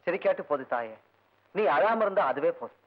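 A man's voice: sing-song, a little fast. An actor playing a young man coaxing and pleading with his tearful sweetheart in a film scene. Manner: coaxing, pleading, swings high and low. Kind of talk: Tamil film dialogue. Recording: dull lo-fi film audio with music.

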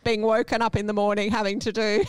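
A woman's voice: mid-range voice, flat delivery, fast, a little hiss or hum. Chatty woman radio host. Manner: chatty, giggly, warm questioning. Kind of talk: radio interview. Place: small radio studio. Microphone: freestanding microphone.

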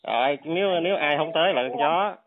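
Over a tinny, dry phone line, a man with a fairly high voice argues heatedly, talking a little fast above a noisy crowd. He sounds defiant, dismissive, and taunting.

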